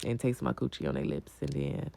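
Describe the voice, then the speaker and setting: Her voice is a rumbling low, dark and creaky, with big pitch swings and a brisk pace. This young woman runs a livestream, responding to viewers in a casual, blunt style packed with slang and profanity, and she tends to repeat phrases to drive a point home.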